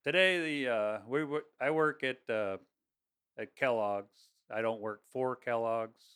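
This man, a construction and plant project worker appearing as a guest, has a mid-range, clean voice that's a bit bright, and he speaks unhurriedly. Over a casual interview he rambles about his work, restarting often and laughing freely.

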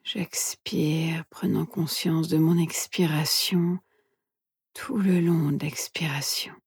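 A woman leads a guided meditation very slowly in a soothing, breathy near-whisper. Her tone is mellow and rather low, with soft pauses between phrases. The sound is close and dry. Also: steady tone, no room sound. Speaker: meditation instructor and podcast host.

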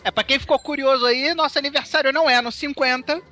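A man's voice: very high voice, steady tone, fast talker, pushed and bright. A Brazilian man co-hosting a podcast in joking, casual chat. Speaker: podcast co-host.

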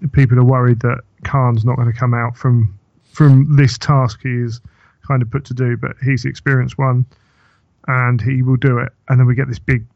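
A man co-hosting a podcast, summarizing in relaxed chat with fillers. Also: mid-range voice, gravelly, dry recording. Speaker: podcast co-host. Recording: dull lo-fi microphone.

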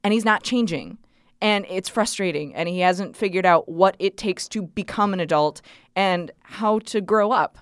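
A woman's voice: mid-range voice, moderate pace, clear, resonant tone, dry recording, studio quality. A woman co-hosting a podcast, talking in an upbeat, chatty way. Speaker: podcast co-host. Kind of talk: casual podcast chat.

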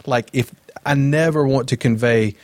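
A man's voice: mid-range voice, normal speed, darkish tone, no room sound. A middle-aged man co-hosting a casual podcast, talking earnestly and thoughtfully. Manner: earnest, thoughtful, some restarts. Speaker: podcast co-host. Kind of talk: casual chat.

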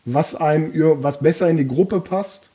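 On a podcast, a male co-host tells stories in easygoing casual chat, often restarting hesitantly. His voice sits on the high side, mellow and slightly rough, at a normal speed.

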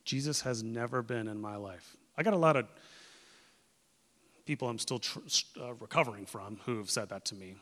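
A man preaching a sermon as pastor, conversational and earnest, swinging between loud emphasis and hushed pleas. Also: mid-range voice, normal speed, long reverb tail.

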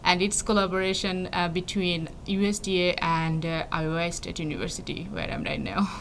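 Answering interview questions, a young plant breeding PhD student from Bangladesh thinks aloud with frequent fillers and restarts. Her lowish voice is creaky and fairly bright, with little pitch movement and a moderate pace, over faint background noise.

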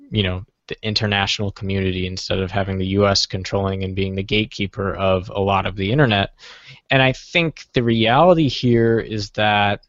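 Man, guest, low pitch, measured, hedging, dry muffled audio. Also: fairly bright tone, no room sound. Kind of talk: casual discussion.

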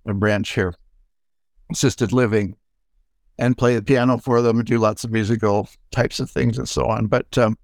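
An older man, a music professor, giving a reflective, halting acceptance talk full of pauses and restarts. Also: mid-range voice, dry recording, clean studio sound. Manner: halting, many fillers and restarts. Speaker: award recipient, music professor.

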